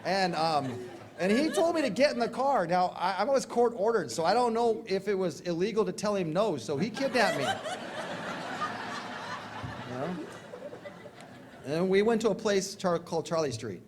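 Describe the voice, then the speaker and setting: A man speaking as a recovery speaker at a convention tells his story to the crowd in a jokey, slangy style full of quick asides. His voice is high-pitched with lively intonation, and there's background noise.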